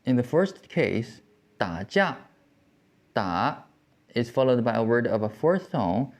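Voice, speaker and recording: A man teaching Mandarin tones, explaining slowly with frequent restarts and pauses. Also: medium pitch, expressive, darkish tone. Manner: halting, with many restarts and fillers. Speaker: Chinese language teacher. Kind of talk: slow explanatory lesson.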